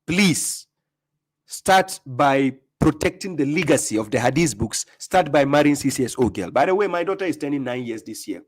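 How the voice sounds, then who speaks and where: A man's voice: medium pitch, lively intonation, moderate pace. A Ghanaian man hosting a live stream, reacting to clips with mocking commentary, laughing often and repeating himself.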